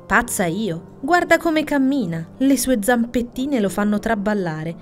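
A woman voicing an arrogant, boastful female hare who taunts in a high, loud voice for a bedtime storybook. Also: expressive, measured pace, soft background music. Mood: mocking.

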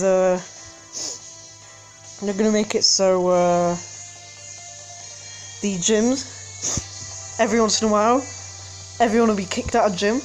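A woman's voice: medium pitch, a little mellow. Rambling woman talking over gameplay. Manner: rambling, frequent self-corrections and hesitations. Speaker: game channel host. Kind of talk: casual gameplay commentary. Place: indoors at home, street outside.

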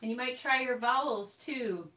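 This woman's voice is fairly high and sharp, at a moderate pace, as she gives an online group music lesson on the recorder. She keeps her explanations chatty, with small asides. The computer mic is distant, leaving the video-call sound roomy and off-mic.

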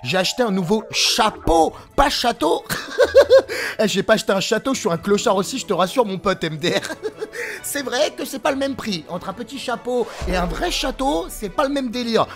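A man's voice: sits high, animated, fairly quick, a bit bright, soft background music. A young man with a French accent, reading text messages for a comic video, joking and laughing often. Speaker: YouTuber.

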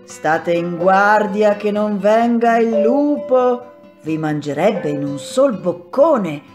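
A woman's voice: medium pitch, expressive, slow pace, over music. An old, loving mother goat from a storybook, put on by a woman reader. She speaks earnestly and carefully, a touch raised above the storyteller's own voice. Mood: warning. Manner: warning, earnest. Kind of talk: storybook reading.

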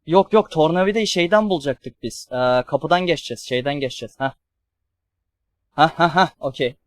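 A young man streaming a horror game, swearing and yelling at the enemies on screen. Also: fairly high pitch, a little fast, no echo. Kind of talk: let's play commentary.

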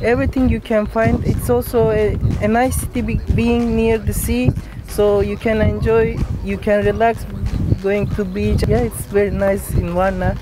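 A medical student from Turkey speaking plainly to camera. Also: male voice, sits high, level tone, moderate pace, low-quality recording. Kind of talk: promotional testimonial to camera. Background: background music.

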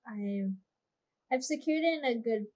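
A young woman co-hosting a casual podcast, answering calmly with short replies. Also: fairly high pitch, measured pace, rough recording. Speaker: podcast co-host.

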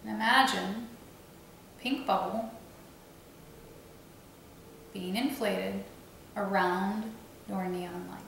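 A woman slowly and soothingly guiding a breathing and visualization meditation. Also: mid-range voice, steady tone, gravelly, slight background noise. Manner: slow, soothing, gently instructive. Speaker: meditation guide. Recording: very echoey room, faint ambience.

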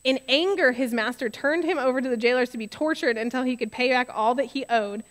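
Young woman pastor preaching, chatty and earnest, bit of a higher voice. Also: a little fast. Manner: conversational, earnest, animated retelling. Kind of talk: sermon.

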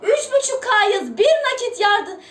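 A woman streamer with a very high, piercing voice, shrieking with excitement as she calls out to her viewers and begs them for gifts. She sits a little away from the mic, and the room gives her voice a hollow echo. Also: measured pace, far from the mic, noisy background. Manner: overexcited, shrieking, calling viewers by name; keeps asking viewers for gifts. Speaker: live streamer.

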